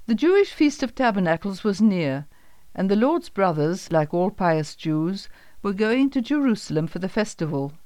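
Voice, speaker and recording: Woman reading a bible story, calm and steady, super dry close mic sound. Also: mid-range voice, moderate pace, dry recording. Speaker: narrator. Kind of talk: scripted Bible story narration.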